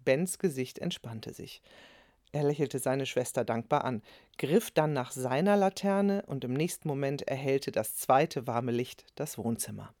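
Female storybook narrator, low, lively, dry close sound. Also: a little slow, no echo. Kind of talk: storybook reading.

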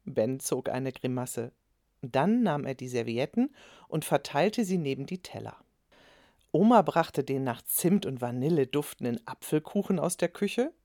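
Female storybook narrator, low, lively, dry close sound. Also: measured pace, no room sound. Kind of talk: storybook reading.

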